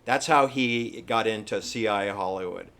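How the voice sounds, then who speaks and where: A man giving informal, opinionated history commentary in an emphatic, halting, repetitive manner. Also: on the low side, fairly bright tone, clear, resonant tone. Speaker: presenter. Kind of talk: informal conspiracy-history commentary over pictures.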